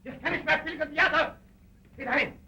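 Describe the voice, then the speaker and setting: An actor playing a despairing young stage actor who keeps repeating himself, in an old 1930s film. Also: male voice, very high voice, brisk, bright, forceful tone, full character voice. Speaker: nephew. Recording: dull lo-fi 1930s film sound.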